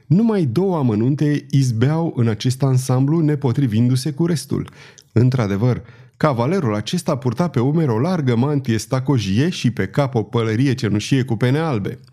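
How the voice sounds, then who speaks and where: A man narrating a historical novel as an audiobook in a measured, expressive way. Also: mid-range voice.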